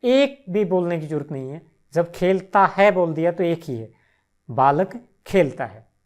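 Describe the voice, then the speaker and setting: A language teacher speaks at a slow, measured pace, reciting each verb form one by one and then repeating the set as a drill. The voice sits in a middle register, and the asides are short, patient and reassuring. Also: mid-range voice, animated, a little mellow. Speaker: Sanskrit teacher.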